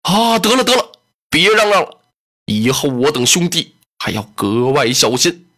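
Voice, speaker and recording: A storyteller voicing a cautious, humble male lord who speaks low, hushed and soothing in traditional storytelling. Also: sing-song, moderate pace.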